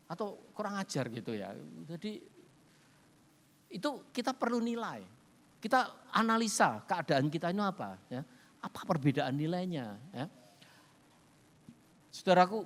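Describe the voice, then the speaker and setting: A man preaching a sermon and telling funny stories, laughing often and dropping in English phrases. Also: fairly high pitch. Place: church hall. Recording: reverberant hall sound.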